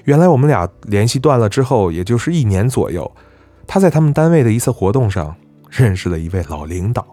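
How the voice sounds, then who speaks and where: A man reads a story aloud in a calm, conversational style. His voice sits low and mellow, recorded close and dry, with soft music faintly underneath. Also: fairly quick, no echo. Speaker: narrator. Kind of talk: scripted story narration.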